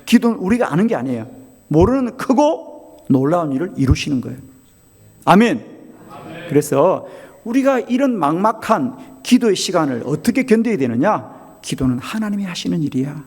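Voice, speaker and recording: A middle-aged male pastor with a slightly high voice delivers a revival sermon. He keeps asking his listeners questions and mixes jokes into the preaching. His voice rings through a church hall with a long echo. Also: big pitch swings, normal speed, darkish tone, husky. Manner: humorous, asks the congregation many questions. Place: church sanctuary.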